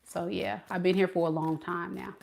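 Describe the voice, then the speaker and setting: A woman's voice: lowish voice, flat delivery, normal speed, gravelly, a little mellow. Chatty woman host, Californian with a Mississippi lilt, casual and laughing. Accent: Californian with some Mississippi dialect. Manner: chatty, laughing often, addresses viewers as y'all. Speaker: tarot reader reading live chat. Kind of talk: casual live-stream chat.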